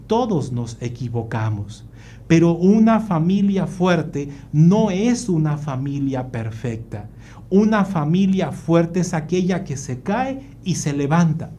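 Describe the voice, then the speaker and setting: A man's voice: fairly high pitch, mellow. Earnest man telling a family story. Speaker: family workshop speaker. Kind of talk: faith-based family talk with personal story.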